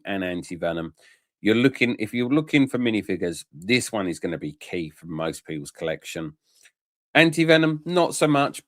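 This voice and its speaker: A man gives a plain-spoken, casual review in a lowish voice. He chats frankly and tags questions onto his remarks. The recording is dry and close, with no room sound. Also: fairly bright tone, no echo. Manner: frank and chatty, with tag questions and many "um" fillers. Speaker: toy collector reviewer.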